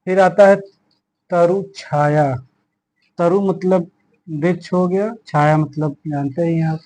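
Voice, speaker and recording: Man, Hindi teacher, Uttar Pradesh Hindi accent, fairly high voice, very slow delivery, exam-prep lesson. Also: steady tone, warm tone, low-quality recording. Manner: slow, explaining words one by one with repeated "theek hai".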